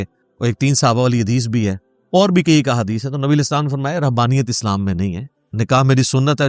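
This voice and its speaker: A male religious scholar answers questions in a lecture, walking through hadith and rulings step by step. His voice sits a little high for a man. The sound is close and dry, with no room around it. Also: no room sound. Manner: explanatory, cites hadith, code-switches English words.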